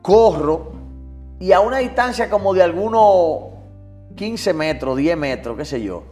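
A man's voice: high-pitched, unhurried, faint music behind. A man telling a personal story with great animation, acting out the voices of the people in it. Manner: lively, acts out voices in his anecdotes. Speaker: guest, TV producer.

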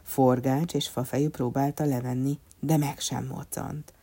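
A woman narrating a children's storybook in a measured, expressive way. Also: a bass voice, slightly rough.

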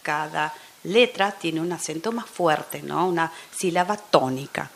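A woman guest, a teacher, talking through an interview in a thoughtful way and often dropping into soft near-whispers. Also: low-pitched, a little slow, gravelly. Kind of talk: casual interview chat.

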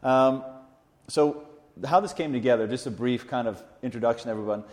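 A man's voice: medium pitch, moderate pace, darkish tone, long reverb tail. A man hosting an interview, asking casual, rambling questions. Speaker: interviewer host. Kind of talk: conversational interview.

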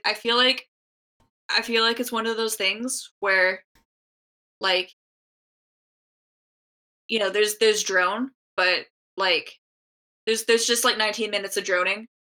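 Woman, podcast co-host; bright, sharp tone, joking, rambling delivery full of "like". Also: medium pitch. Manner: rambling, heavy use of "like", quick jokes. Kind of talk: casual chat.

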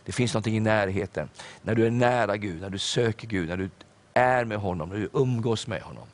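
Older man preaching, low voice. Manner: storytelling, earnest, with filler hesitations. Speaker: pastor. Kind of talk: sermon.

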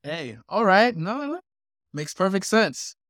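A man's voice: sits high, big pitch swings, a little slow, fairly bright tone, no room sound, studio quality. A man hosting a podcast interview, who gives upbeat short reactions and then asks his questions. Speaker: podcast host.

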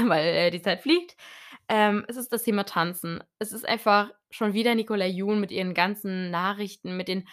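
A young woman chatting about books with a co-host. She talks in a casual, teasing way, full of fillers and restarts. Her pitch sits in the middle range for a woman. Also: fairly bright tone. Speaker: podcast co-host. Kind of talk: casual book chat.

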